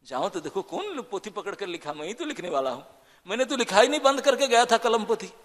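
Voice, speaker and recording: A devout poet husband, bewildered and exclaiming in disbelief, his voice leaping high and falling, as a storyteller acts him out. A long reverb trails every phrase. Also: big pitch swings, a little fast, a bit bright, full character voice. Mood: puzzled. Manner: exclaiming, incredulous questions.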